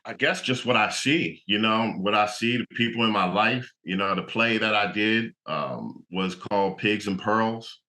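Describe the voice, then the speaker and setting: A middle-aged man from New Jersey talks through his thoughts in a casual interview. His tone is bright and forceful, and he keeps circling back with "you know" as he works out what he means. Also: on the low side, unhurried, hardly any pauses. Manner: reflective, many "you know" fillers. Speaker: guest, actor and motivational speaker.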